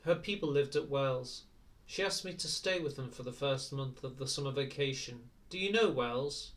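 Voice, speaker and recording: A man reading the part of a gentle island woman who speaks in a soft, chanting cadence in an audiobook reading. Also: medium pitch, moderate pace, lightly acted. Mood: reminiscing. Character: calm, gentle island woman, soothing and hypnotic.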